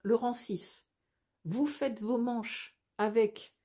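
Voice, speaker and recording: A woman's voice: a little high, drawn-out words, mellow. A woman hosting a casual step-by-step knitting tutorial, chatty and thinking aloud as she corrects herself.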